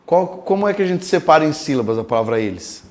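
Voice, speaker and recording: A male grammar teacher lecturing to his class with a slightly raised pitch. He speaks emphatically, often stretching single words out slowly so students can copy them down. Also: big pitch swings, a little mellow. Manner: emphatic, dictates terms slowly word by word.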